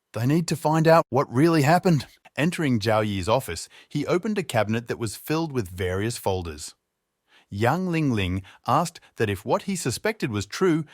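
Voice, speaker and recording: A man's voice: mid-range voice, no echo. Man narrating a story recap, dry sound. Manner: even, matter-of-fact retelling.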